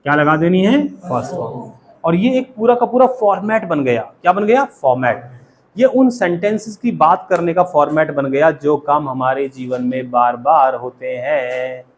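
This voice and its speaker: A slightly high-voiced man with an Indian accent teaches a spoken English class at normal speed, with a bit of background noise. He regularly quizzes the class and leads them in repeating after him.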